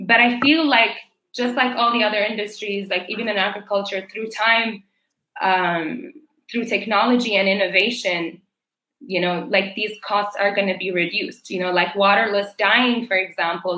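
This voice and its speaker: A woman's voice: medium pitch, steady tone, normal speed, pushed and bright, roomy sound, poor audio. A young adult woman from Ethiopia, a fashion designer and entrepreneur, answering interview questions in a chatty way with many fillers.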